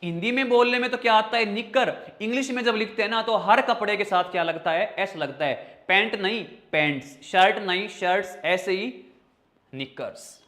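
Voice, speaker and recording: A man's voice: high-pitched, normal speed, pushed and bright. A man with a Hindi accent teaching an online vocabulary class, asking questions and answering them himself while spelling words out in pieces. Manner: addresses students as brother and child. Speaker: English teacher.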